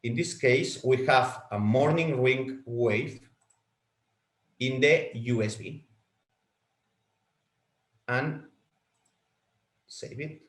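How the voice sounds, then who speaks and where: A Spanish-speaking man works as a product trainer, running a webinar that walks through software. He clicks through settings, halting and repeating words. His voice sits mid-range, and the room echoes.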